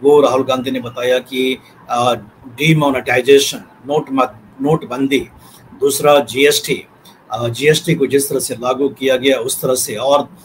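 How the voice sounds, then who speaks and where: Man in a study on a video call, mid-pitched voice, measured explanations, faint hiss behind. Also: steady tone, poor audio. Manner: measured explanatory, with frequent fillers. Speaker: newspaper editor, analyst. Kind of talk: news analysis commentary. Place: home study with bookshelves. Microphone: webcam, video call.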